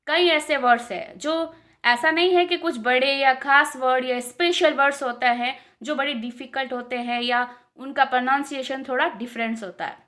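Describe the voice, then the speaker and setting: Bright high-voiced Indian woman teaching. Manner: repeats each word slowly several times. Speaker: English pronunciation teacher. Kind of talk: casual spoken lesson.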